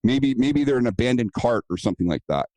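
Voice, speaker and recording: A man's voice: mid-range voice, expressive, fast, dark tone, no room sound, low-quality recording. A man being interviewed about his self-defense business, telling stories and acting out the dialogue in them in a casual, earnest way. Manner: storytelling, acting out quoted dialogue; earnest, advice-giving.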